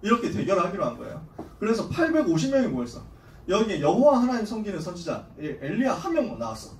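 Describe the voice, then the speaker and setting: A male youth pastor rattles through a Bible story in a high, very animated voice, slangy and playful with his listeners. He sits back from the mic in an echoey church hall, with faint ambience behind him. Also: quick pace, distant mic, a little hiss or hum. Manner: casual and slangy, acting out story scenes. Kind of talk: lively youth sermon.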